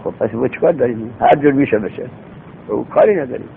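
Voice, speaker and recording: A man's voice: gravelly, husky. A man teaching a seminary grammar lesson, explaining patiently and repeating himself, asking rhetorical questions. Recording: tinny phone-like recording with faint rumble.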